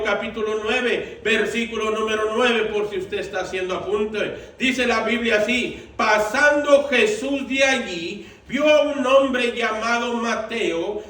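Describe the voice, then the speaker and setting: A man preaching a sermon as pastor, slow and deliberate, repeating his phrases for emphasis. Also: high-pitched, fairly bright tone. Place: church sanctuary. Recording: echoey church room, mic at a distance.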